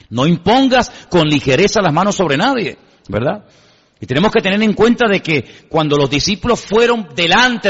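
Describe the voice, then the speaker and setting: A man's voice: sits high, a bit bright, slightly rough. A male pastor gives a conversational sermon and keeps putting questions to the congregation. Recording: dull lo-fi audio with long hall reverb.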